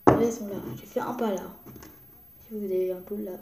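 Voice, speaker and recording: A young woman from France chatting excitedly in a casual show-and-tell vlog, often dropping into whispers. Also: mid-range voice, fast talker, vocal fry, very noisy. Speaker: vlogger. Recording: echoey room.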